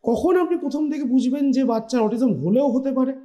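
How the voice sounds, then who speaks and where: Doctor guy explaining stuff step by step on tv, talks fast, soft mellow voice. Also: very high voice. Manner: patient, explanatory, numbers points, mixes in English terms. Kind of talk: TV health interview explanation.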